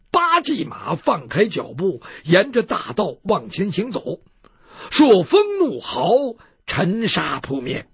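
A male storyteller tells a martial tale in a husky, high-pitched voice. His delivery is rhythmic and dramatic, and the sound is close and dry. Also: no echo. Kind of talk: traditional storytelling.

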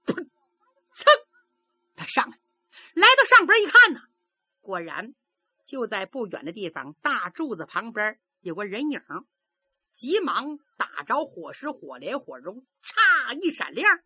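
A woman's voice: on the high side, huge pitch swings, a little slow, pauses often, pushed and bright, breathy edge, dry recording, dull audio. A woman telling a traditional story vividly, acting out sound effects with her voice.

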